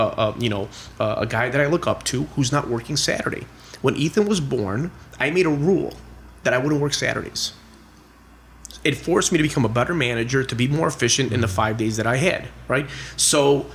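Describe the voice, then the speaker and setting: A little hiss or hum sits under a middle-aged man's medium-pitched, slightly bright voice. Appearing as a podcast guest, the real estate investor tells family stories casually and chattily, peppered with "you know" and "like," and he acts out family dialogue in quotes.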